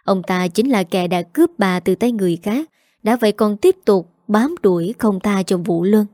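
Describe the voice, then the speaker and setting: A woman narrating a scripted family drama story in an even storytelling delivery. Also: mid-range voice, moderate pace, dry recording, clean studio sound.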